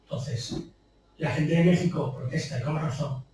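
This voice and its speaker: A man's voice: fairly high pitch, steady tone, moderate pace, mellow, slight background noise. A man from Spain, a copy editor giving an informal public talk in a chatty, anecdotal way, tagging on rhetorical questions. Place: bookshop event room. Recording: distant, very echoey room recording in a bookshop.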